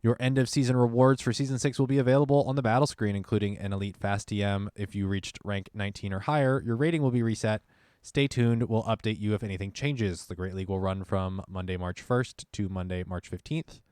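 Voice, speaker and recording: A man's voice: fairly low pitch, fairly even intonation, brisk, darkish tone, clear, resonant tone, dry recording, clean studio sound. A young man co-hosting a podcast in casual chat, reading announcements aloud and adding side comments. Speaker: podcast co-host.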